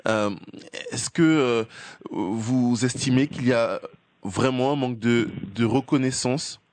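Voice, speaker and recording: A man hosting a radio interview, asking measured questions with occasional fillers. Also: mid-range voice, a little mellow, dry recording. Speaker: radio host.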